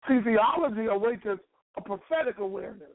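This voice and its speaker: Hoarse frog-voiced preacher, croaky fry, deliberate emphatic sermon, rhetorical repeats, thin phone-like recording. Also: medium pitch, animated. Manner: emphatic, deliberate phrasing in short bursts. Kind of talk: teaching sermon with rhetorical repetition. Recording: narrow, phone-like sound.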